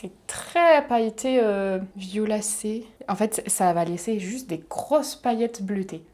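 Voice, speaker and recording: A young woman talks through a makeup unboxing in a casual, chatty way. She sounds excited and keeps dropping in little giggly asides as she goes. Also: mid-range voice, slow. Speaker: beauty vlogger.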